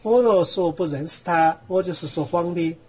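A man reading scripture aloud in a steady, measured way. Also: on the high side, husky. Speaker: guest reader. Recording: dull lo-fi recording.

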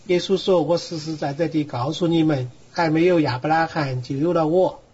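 Husky man reading scripture on lo-fi. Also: on the high side, fairly even intonation, normal speed, darkish tone. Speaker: guest reader. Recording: dull lo-fi recording.

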